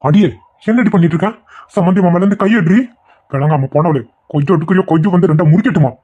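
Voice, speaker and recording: A hoarse, low-voiced elderly father-in-law in a cartoon, as a woman puts him on. He rattles off scoldings quickly in a dark, gravelly tone. The sound is dull and lo-fi. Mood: angry scolding. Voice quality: deep, husky, rapid barking delivery. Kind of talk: cartoon voice acting.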